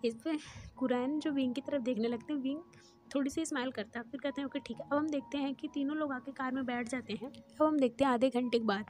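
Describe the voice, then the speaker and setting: A woman narrating a fan fiction story in a steady, plain retelling manner. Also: high voice, quick pace. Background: soft background music.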